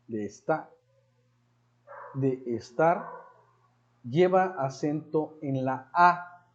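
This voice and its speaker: A man with a Mexican accent teaching a grammar class, explaining slowly and repeating words as he thinks. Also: on the high side, darkish tone. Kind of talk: online grammar lecture. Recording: dull lo-fi audio.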